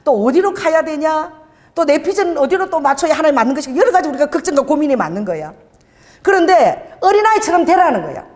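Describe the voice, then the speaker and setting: A woman's voice: high voice, quick pace, in a large hall. A middle-aged woman pastor preaching a sermon, telling a story about her husband with acted-out dialogue and laughter. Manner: lively storytelling, acts out quoted dialogue, frequent laughter. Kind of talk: sermon with personal anecdotes. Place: church hall.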